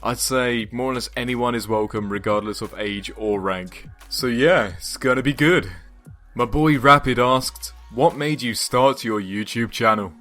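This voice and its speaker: A man's voice: medium pitch, measured pace, a bit bright, faint music behind. Upbeat young man answering viewer questions. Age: 20s. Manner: upbeat, casual and chatty, joking asides. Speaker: YouTube gaming channel host. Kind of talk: Q&A vlog voice-over.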